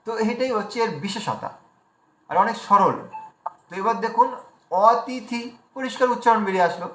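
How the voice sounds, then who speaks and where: Bengali male teacher, high voice, patient explainer, echoey room, online class. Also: lively intonation, bright, forceful tone, a little hiss or hum. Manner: explanatory, spells out letters slowly. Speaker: Sanskrit pronunciation teacher. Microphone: video call.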